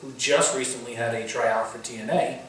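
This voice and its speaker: Male pundit, mid-pitched, casual interview previews with announcer-style detail, strong echo and faint background noise. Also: fairly even intonation, moderate pace, a bit bright. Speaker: wrestling pundit previewing shows. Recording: very echoey room, distant mic, faint noise.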